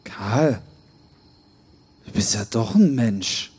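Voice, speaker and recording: A man's voice: fairly low pitch, animated, drawn-out words, darkish tone, husky, heavily acted. An actor playing a hungry, blunt male cellmate, coarse and matter-of-fact. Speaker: prisoner.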